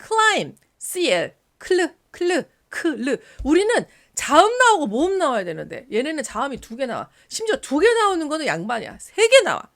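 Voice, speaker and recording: With a high voice and a brisk pace that leaves few pauses, a woman teaches English in a relaxed video. She is lively, sounding out example words and shifting back and forth between polite and casual speech.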